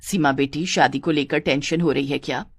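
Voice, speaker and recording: Lady doing a low gentle mom in a cartoon, soothing and motherly, dry sound. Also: normal speed, husky, no echo. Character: gentle, reassuring middle-aged mother.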